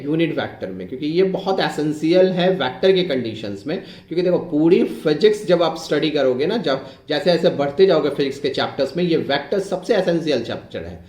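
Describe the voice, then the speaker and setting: A male physics teacher giving an online exam-prep lecture, explaining slowly and repeating himself, often asking whether it is clear and dictating English phrases word by word as he writes. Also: a little high, a little mellow, echoey room. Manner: slow, repetitive, keeps asking if it is clear.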